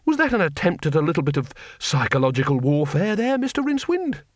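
A man voicing a courteous, tactful male diplomat who speaks in a measured way. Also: a little high, very animated, no echo, studio quality, voice pushed up.

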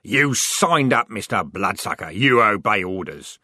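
A man's voice: expressive, a little slow, bright, forceful tone, no echo, clean studio sound, heavily acted. A man voicing a petty male corporal who whines and shrieks at recruits. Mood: scolding. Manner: whining, shrill.

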